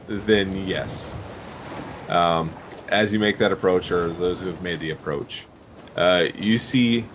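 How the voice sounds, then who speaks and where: A man narrating a tabletop game as game master, in a halting, pausing way. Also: fairly low pitch, slight background noise. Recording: faint sea and boat ambience behind.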